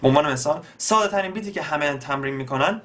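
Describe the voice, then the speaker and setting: This beatbox teacher is a young man with an Iranian Persian accent, walking through the fundamentals in a laid-back tutorial. He speaks in a somewhat high male register, frequently searching for words and filling gaps with fillers. His explanation is slow-paced and proceeds one step at a time.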